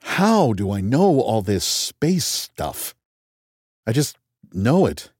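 A man narrating an audiobook in the first person, measured and wry, as if thinking aloud. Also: mid-range voice, very animated, a little mellow, husky, no room sound, studio quality.

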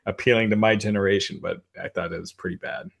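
A man's voice: on the low side, fairly even intonation, fast talker, creaky. A man in his forties co-hosting a podcast, talking casually with frequent hesitations. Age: 40s. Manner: hesitant, many ums and uhs. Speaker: podcast co-host. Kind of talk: casual wrestling talk chat.

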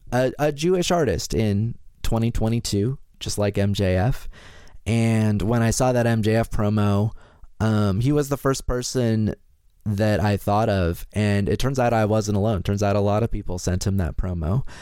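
A man with a smooth, slightly low voice hosts a podcast in a casual, unscripted way. He rambles and hesitates, wandering into asides as he goes. The sound is dry and close. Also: a little slow, mellow, no echo. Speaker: podcast host. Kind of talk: casual spoken introduction.

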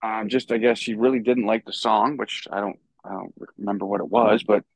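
A man's voice: lowish voice, fairly even intonation, a little fast, gravelly, dry recording, low-quality recording. Guy from new york rambling through a story, fillers everywhere, swears a bit, dry sound. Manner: rambling, loose, swears freely, lots of fillers. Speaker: podcast guest, stagehand and musician. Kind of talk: casual storytelling chat.

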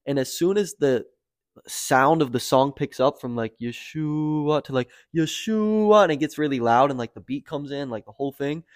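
A man's voice: brisk, dry recording, clean studio sound. Young American man telling a story. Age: young adult. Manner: animated, rising to near-shouting at high points, lots of "like" and "dude". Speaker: guest. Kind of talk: casual podcast storytelling.

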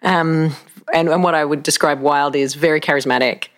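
A woman with an Australian accent, a pastor telling lively stories as a guest in a casual home interview. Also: low voice, moderate pace. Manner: animated, laughing storyteller. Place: home, indoors.

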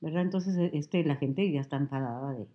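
A woman's voice: deep voice, brisk, muffled recording. A Mexican woman telling stories in a casual interview, acting out what people said to her. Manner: animated storyteller who acts out quoted dialogue. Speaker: guest. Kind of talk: casual conversation.

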